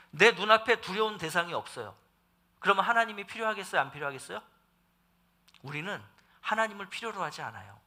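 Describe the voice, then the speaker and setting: A man preaches in church with a bright, ringing tone that sits high for a male voice. His pitch leaps and dips freely as he puts questions to his listeners. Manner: animated preaching with rhetorical questions to the congregation. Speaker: pastor. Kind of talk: sermon.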